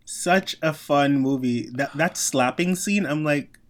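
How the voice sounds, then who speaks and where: Animated higher-voiced male co-host. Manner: expressive, quick to jump in with reactions. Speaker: podcast co-host. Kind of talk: casual chat.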